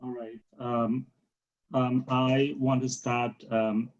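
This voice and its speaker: A man chairing an online meeting, talking haltingly with many fillers while his fuzzy audio keeps cutting out. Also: mid-range voice, little pitch movement. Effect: fuzzy, breaking-up call audio that cuts out. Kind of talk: online community board meeting. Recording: dull, muffled, breaking-up call audio.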